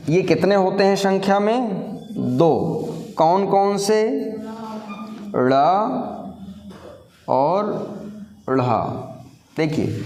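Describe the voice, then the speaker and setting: A male teacher giving a classroom lecture, explaining step by step, asking questions and answering them himself, and sounding out syllables slowly. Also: high voice, darkish tone. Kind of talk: classroom lecture for exam students. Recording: echoey room.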